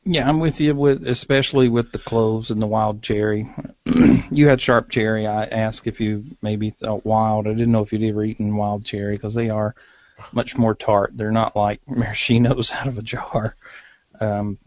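A man's voice: on the low side, flat delivery, moderate pace, darkish tone, no echo, highs cut off. A man with an Appalachian hillbilly accent, chatting casually as co-host of a podcast. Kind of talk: casual cigar talk.

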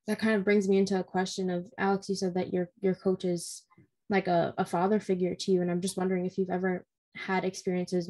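A woman interviewing guests, affirming their answers and posing questions in a measured way. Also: fairly low pitch, vocal fry, dark tone.

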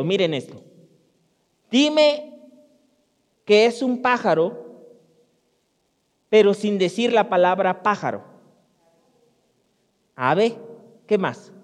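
A very high-voiced man preaches a conversational sermon, talking directly to the congregation and often restarting his sentences. His voice rings with the long reverb of a church hall. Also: big pitch swings, extremely slow, pauses often. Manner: speaks directly to the congregation, storytelling with frequent restarts. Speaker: pastor.

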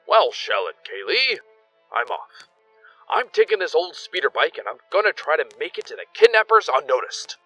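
A man's voice: a little high, big pitch swings, moderate pace, pushed and bright, no room sound, soft background music, exaggerated voice, rough recording. A man playing a gallant, confident alien superhero captain with a declamatory delivery, in an audio drama. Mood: breezy, confident. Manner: declamatory, heroic.

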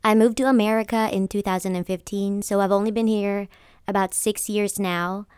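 A woman's voice: mid-range voice, fairly even intonation, normal speed, a little mellow, clear, resonant tone, no echo, clean studio sound. A young adult woman from the Philippines, a podcast guest telling her story in an earnest, friendly conversational way. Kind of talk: casual conversation.

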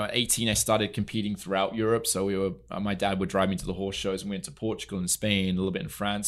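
A young man from England, a guest in a studio interview, talking earnestly with many fillers. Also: on the low side. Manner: earnest, storytelling, frequent fillers. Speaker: podcast guest, equestrian entrepreneur. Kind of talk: casual interview chat. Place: podcast studio.

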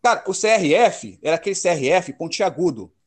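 A man's voice: sits high, animated, brisk. A man from Brazil hosting a casual football chat, emphatic and opinionated, full of slang. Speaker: podcast host.

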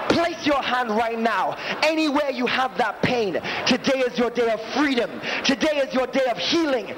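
A man preaching as a faith healer, shouting commanding, repetitive prayers to a gathering and to viewers. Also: very high voice, roomy sound. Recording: loud ambient noise behind.

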